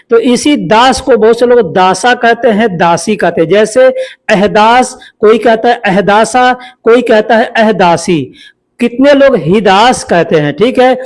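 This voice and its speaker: Guy teaching counting, highish voice, says everything twice, real patient. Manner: patient, repeats each line twice. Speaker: language teacher. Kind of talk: spoken language lesson.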